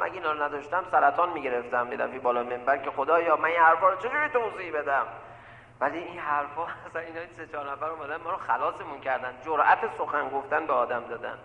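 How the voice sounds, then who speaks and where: A male preacher with a high, bright, ringing voice delivers an animated sermon full of stories. He keeps addressing his listeners directly and repeats lines for emphasis. He sounds like he is in a big echoing hall with a long reverb tail. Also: highs cut off. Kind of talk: sermon with storytelling.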